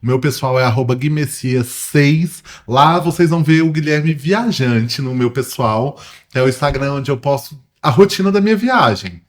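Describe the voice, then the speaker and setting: A man with a Brazilian Portuguese accent, a podcast guest telling stories in casual chat, animated and laughing often. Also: medium pitch, normal speed. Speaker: podcast guest, travel agency owner.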